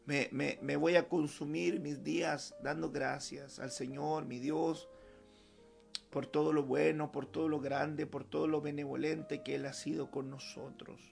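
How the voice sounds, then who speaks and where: Gravelly-voiced fervent male pastor preaching. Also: a little high, flat delivery, unhurried, a little mellow, faint music behind. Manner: fervent preaching with emphatic repetition. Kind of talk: sermon. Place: church service.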